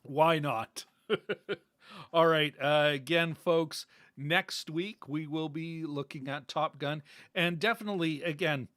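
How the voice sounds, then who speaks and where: A man's voice: fairly high pitch, takes it slowly, a bit bright, no room sound. Rambling middle-aged man, dry close voice. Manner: rambling, many fillers and restarts. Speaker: podcast co-host. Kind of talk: casual livestream sign-off chat.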